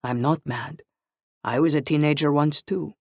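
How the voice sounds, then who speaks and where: A man reading an audiobook, voicing an earnest young man who speaks softly and slowly. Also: mid-range voice, no echo, studio quality, lightly acted. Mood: tender. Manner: soft-spoken and slow. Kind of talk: audiobook character voice.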